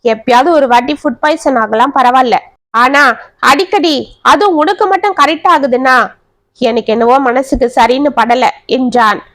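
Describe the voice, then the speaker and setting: A woman's voice: high-pitched, animated, normal speed, fairly bright tone. A woman voicing a blunt male friend who speaks harshly and with suspicion. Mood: suspicious. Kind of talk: storybook narration.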